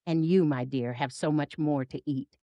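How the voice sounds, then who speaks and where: A woman's voice: low-pitched, normal speed, no room sound, highs cut off. Woman voicing a mocking, sinister hooded figure. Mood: menacing. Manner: murmuring, mocking, menacing. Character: hooded sinister figure, amused, taunting, condescending.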